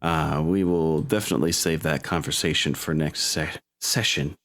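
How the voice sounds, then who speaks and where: Narrating a casual tabletop game as its game master, a man talks informally and swears along the way; his voice is a rumbling low one, slightly bright, at a normal speed.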